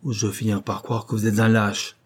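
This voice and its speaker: A man's voice: fairly low pitch, flat delivery, a little fast, lightly acted. A man reading an audiobook and voicing a harsh, impatient young duke who speaks curtly and hard. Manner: curt, hard.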